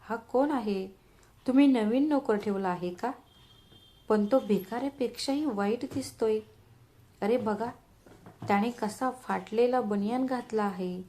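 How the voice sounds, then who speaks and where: A woman's voice: a little high, unhurried, long pauses, warm tone, lightly acted. A woman voicing a snobbish, disdainful rich woman guest.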